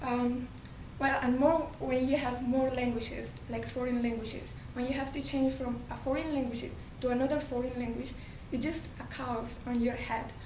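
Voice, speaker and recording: Speaking with a Colombian Spanish accent, a woman delivers an earnest presentation to an audience in a high voice at normal speed with few pauses, frequently restarting her words. A distant mic in an echoey hall captures her, along with steady noise and a low rumble.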